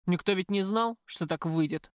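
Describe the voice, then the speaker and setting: A woman reading an audiobook, voicing a coarse, possessive male gang boss who talks in rough slang. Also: lowish voice, normal speed, no room sound, studio quality, lightly acted. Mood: justifying.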